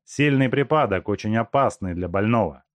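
A stern asylum director, voiced by a male reader, speaking firmly and curtly in a storybook reading. His delivery stays animated, with a dry, close sound. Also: lowish voice, normal speed, no room sound, close to an everyday voice. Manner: firm, curt, authoritative. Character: stern asylum director, middle-aged doctor.

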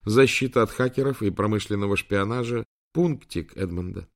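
A man voicing a calm, polite male AI assistant with a British accent, speaking precisely and unflappably. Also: fairly low pitch, fairly quick, creaky. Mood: calm, instructive.

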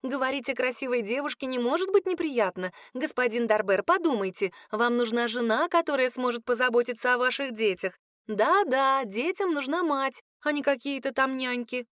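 A woman's voice: sits high, expressive, moderate pace, fairly bright tone, no echo, clean studio sound, voice pushed up. A woman voicing young gossiping kitchen maids who chatter eagerly and dreamily about romance.

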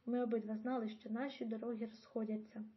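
A woman reading a novel aloud as an audiobook in an even, measured way. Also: a little high. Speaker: audiobook reader. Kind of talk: audiobook narration. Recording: dull lo-fi audio.

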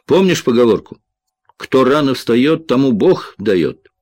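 A man voicing a brisk, wry male pathologist in an audiobook thriller. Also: mid-range voice, big pitch swings, a little mellow, no room sound, pitched above the performer's own voice.

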